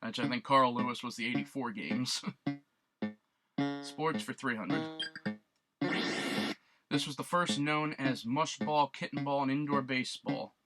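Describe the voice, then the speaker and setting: Over loud, beeping chiptune music from a retro quiz game, a let's play gamer reads the clues out and jokes about the guesses he makes. His mid-range voice is steady, a little slow, and often pauses.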